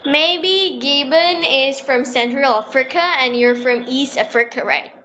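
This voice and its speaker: High-voiced eager Bangladeshi speaker. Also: female voice, unhurried, a bit bright, poor audio. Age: child in sixth class. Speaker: English learner hosting a practice call. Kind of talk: casual conversation practice. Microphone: online call.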